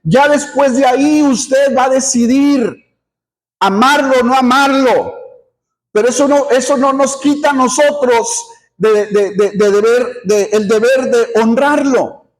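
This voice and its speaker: A man's voice: extremely high pitch, a little slow. A middle-aged male pastor preaching a sermon, earnest, repeating words as he builds his point and now and then dropping in an amen.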